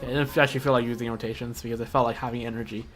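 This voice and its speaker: A livestreamer with a steady, mid-range voice fires off casual, slangy commentary while playing a video game, rambling conversationally. Game music plays behind him.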